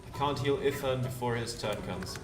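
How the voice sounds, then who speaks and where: A man with a mid-range voice hosts a let's play at a normal speed, offering casual commentary, thinking aloud and talking to the game's characters. His voice sounds distant and roomy beneath loud game music.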